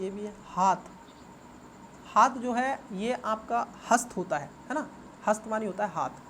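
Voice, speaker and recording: A man's voice: sits high, a bit bright, a little hiss or hum. A man teaching as an exam coach, going through a paper's answers, repeating words and asking his students rhetorical questions.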